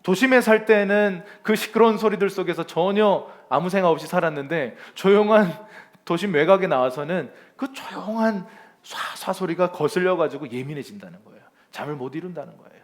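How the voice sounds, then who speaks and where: A male pastor giving a lively, conversational Sunday sermon to a congregation in a church, acting out complaints and chuckling as he goes. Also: on the high side. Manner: chuckles often while speaking.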